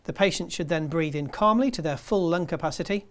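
Man narrating step-by-step instructions. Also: a little high. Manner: measured step-by-step delivery. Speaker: presenter.

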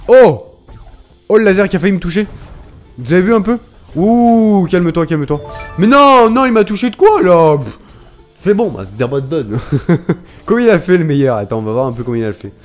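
A man giving casual let's-play commentary, excitable and slangy, exclaiming and swearing at the game as he reads its text aloud. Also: a little high, fast talker, pauses often, soft background music. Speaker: gaming video creator.

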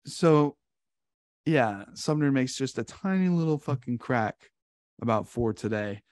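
Profane, animated male podcast host. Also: medium pitch, a little slow, no echo, clean studio sound. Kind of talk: casual chat.

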